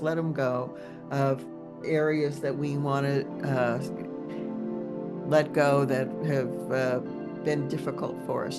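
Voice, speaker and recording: A woman leading a guided meditation in an instructive manner, with repeated affirmations. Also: low voice. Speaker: host and guided meditation leader. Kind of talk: guided meditation, then informal thanks. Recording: music behind the voice. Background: plucked guitar music.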